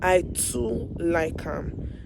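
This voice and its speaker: In a video language lesson, a Nigerian online teacher, hoarse and losing her voice, addresses viewers directly. Her voice is on the low side, and she repeats everyday example phrases slowly and deliberately against a noisy background.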